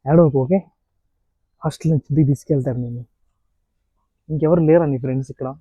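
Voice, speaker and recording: A man's voice: fairly high pitch, fast, mellow, husky, no room sound, muffled recording. Chatty man vlogging at an animal park. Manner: chatty, talks playfully to the animals. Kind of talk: casual vlog narration.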